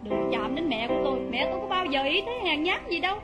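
Soft-spoken proud young wife. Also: female voice, high-pitched, expressive, fast talker, loud music behind the voice. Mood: defiant. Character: gentle but proud young wife, mistreated. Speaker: actor. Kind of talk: stage drama acting.

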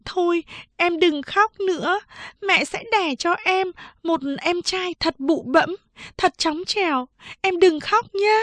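A woman voicing a teenage older sister in a storybook reading, soft and coaxing. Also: very high voice, slow pace, no room sound, pitched above the performer's own voice, exaggerated voice. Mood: soothing. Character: teenage girl, older sister, gentle and tearful.

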